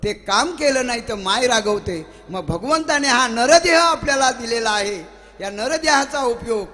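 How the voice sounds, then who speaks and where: A man preaching a devotional sermon to a live audience. He tells stories, asks the listeners questions and chants verses slowly. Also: extremely high pitch, expressive, sharp tone. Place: gathering hall with a live audience. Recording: long reverb of a hall.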